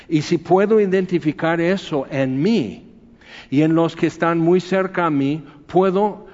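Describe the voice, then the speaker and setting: Pastor preaching in a hall. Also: male voice, a little high, a little mellow, lo-fi sound. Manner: anecdotal, conversational storytelling with acted quotes. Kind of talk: sermon.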